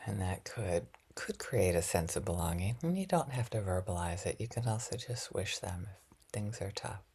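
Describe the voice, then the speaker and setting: A woman teaching a loving-kindness meditation in a soft, often half-whispered, gentle and reflective way, with light laughs at herself. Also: a bass voice, animated, moderate pace, breathy edge.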